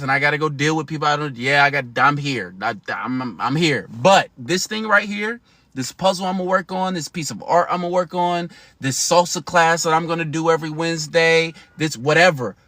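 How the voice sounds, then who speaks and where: An American livestream host in his thirties talks directly to viewers, loose, slangy, and emphatic, laughing as he chats. His slightly high voice has a bright edge and a normal pace, and the sound is dry and close with no echo.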